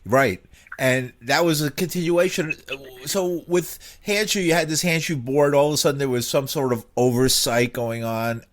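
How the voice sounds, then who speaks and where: A man's voice: on the high side, normal speed. A man reading a news introduction, then asking an interview guest questions with short affirmations. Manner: steady reporter's read, brief affirmations. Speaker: interviewer and narrator.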